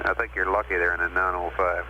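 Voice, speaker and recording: Male mission controller, low register, measured radio procedure, clearly noisy beeping space link. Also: flat delivery, dull audio. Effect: radio transmission.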